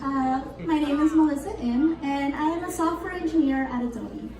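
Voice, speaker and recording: A young woman from Argentina, a native Spanish speaker, gives an earnest, reflective conference talk in a high, mellow voice. She sounds a little off the mic, and the hall around her is roomy and echoing. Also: moderate pace, distant mic. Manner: earnest and reflective, with light laughs. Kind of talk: prepared motivational talk.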